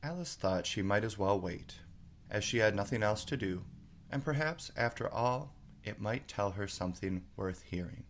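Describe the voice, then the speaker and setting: A man's voice: fairly low pitch, animated, normal speed, slight background noise. A man narrating a children's classic aloud as a storybook reader, in scripted prose.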